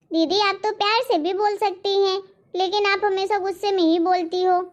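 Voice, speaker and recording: A woman voicing a meek, polite young wife in a cartoon, speaking in a soft, pleading, conciliatory way. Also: extremely high pitch, fairly even intonation, a little slow, lo-fi sound. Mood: placating. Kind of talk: animated cartoon voice acting.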